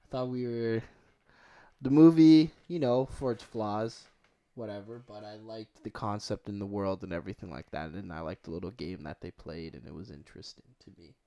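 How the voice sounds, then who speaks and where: A man co-hosting a movie podcast, talking loosely and haltingly with lots of fillers. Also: on the low side, fairly even intonation, warm tone. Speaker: podcast co-host. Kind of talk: casual movie review chat.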